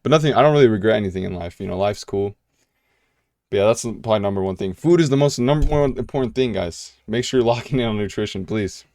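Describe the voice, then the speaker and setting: Fast and fairly low with a darkish tone, this young American's voice comes through studio-quality with no room sound. Fielding viewer questions in a laid-back vlog, he rambles loosely, piling up "you know"s and frequently starting sentences over.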